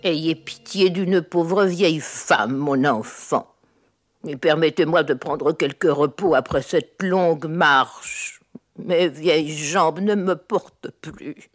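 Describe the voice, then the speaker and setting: Cackling witch, low creaky voice, drawn-out, storybook record. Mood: wheedling. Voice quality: creaky, husky old crone voice. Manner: sly, wheedling, cackling. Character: wicked queen turned cackling old witch.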